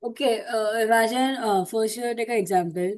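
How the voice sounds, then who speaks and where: A student with a medium-pitched voice takes part in a tutoring session. The turns are short, made up of replies and simple questions. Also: moderate pace. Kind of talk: short answers and questions in a lesson.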